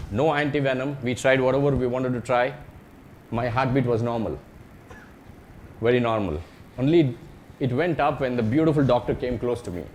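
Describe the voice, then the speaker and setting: Male researcher, Indian accent, mid-pitched, anecdotal and jokey slide-talk delivery, slight background noise. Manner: joking, conversational, uses short phrases and tag questions. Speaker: wildlife researcher giving a talk.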